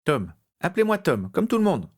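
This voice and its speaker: A man's voice: sits high, huge pitch swings, a little fast, pitched above the performer's own voice, exaggerated voice. A man voicing a jovial, chatty male barman who talks in effusive bursts. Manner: effusive, exclamatory.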